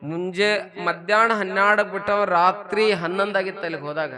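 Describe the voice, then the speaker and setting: High-voiced monk with North Karnataka accent. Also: male voice, a little fast, crowd noise. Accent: North Karnataka Kannada. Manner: lively, rhetorical questions to the audience. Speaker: monk giving a religious discourse. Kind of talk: storytelling sermon. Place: religious gathering with a live audience.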